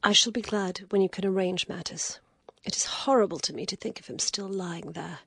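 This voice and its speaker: Woman voicing a breathy, high weary noblewoman. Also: a little fast, dry recording. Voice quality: breathy, whispery. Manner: hushed and tired, rising to bitter outrage. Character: weary, proud young noblewoman. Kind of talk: audiobook character voice.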